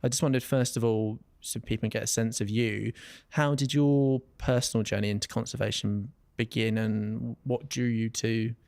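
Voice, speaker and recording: A man's voice: medium pitch, steady tone, normal speed, gravelly, few pauses, darkish tone, dry recording. A man hosting an interview, asking rambling questions and correcting himself as he goes. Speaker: radio interviewer, host.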